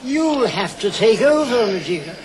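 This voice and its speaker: An actor putting on the voice of a gruff, sleepy old wizard chief in a TV comedy special, brusque and impatient. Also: male voice, high voice, very animated, normal speed, crowd noise, poor audio.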